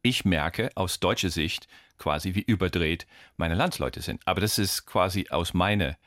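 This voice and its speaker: A middle-aged American man whose first language is English chats in German as a comedian guest on a radio show. His voice sits on the low side and the recording is dry and close. He tells anecdotes lively, acting out voices, with plenty of hesitations. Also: normal speed, no echo. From United States. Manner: animated storyteller, acts out voices, frequent fillers. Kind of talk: casual radio interview chat.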